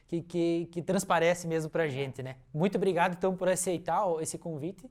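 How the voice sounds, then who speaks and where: A woman's voice: lowish voice, steady tone, moderate pace, a little mellow. A woman co-hosting a casual chat show, playful and teasing, often breaking into laughter. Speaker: co-host.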